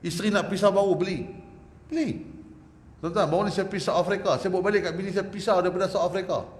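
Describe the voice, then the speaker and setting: A man preaching a religious lecture in a mosque prayer hall. He is lively and joking, often asks the audience to agree with him, and ends with a prayer. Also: high voice, very fast. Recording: echoey hall with faint background hum.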